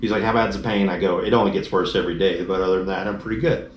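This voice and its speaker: A man with a fairly low voice tells a rambling personal story in a relaxed chat, slipping into other people's voices as he quotes them. He is in a roomy, echoey space with a faint hiss underneath. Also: racing. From Dallas-Fort Worth area, Texas. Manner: animated storyteller, acts out quoted dialogue. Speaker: motorcycle trip rider telling his story.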